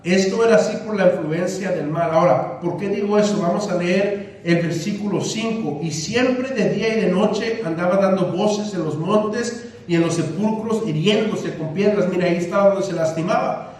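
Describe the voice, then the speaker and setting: A pastor with a high, slightly mellow voice preaches at a moderate pace in a church sanctuary, leaning on emphatic repetition and calling the congregation brothers. The distant mic picks up an echoey hall.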